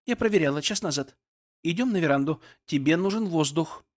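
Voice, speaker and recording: A man voicing a distraught pregnant young wife whose voice is hoarse from crying. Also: fairly high pitch, expressive, a little fast, voice pushed up, close to an everyday voice. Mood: brisk, caring.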